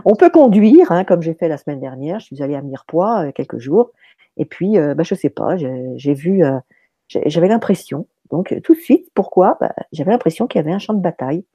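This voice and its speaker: Woman, storytelling medium, lively pitch, husky, dry close sound. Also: brisk, no room sound. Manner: animated, many fillers and restarts. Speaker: medium teaching soul passage. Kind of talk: casual storytelling chat.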